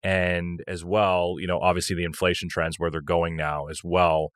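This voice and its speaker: Deep-voiced canadian guy cohosting, laid back with lots of ums, dry close sound. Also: moderate pace, no echo. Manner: relaxed, with many fillers and frequent agreement. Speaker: podcast co-host. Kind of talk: casual chat.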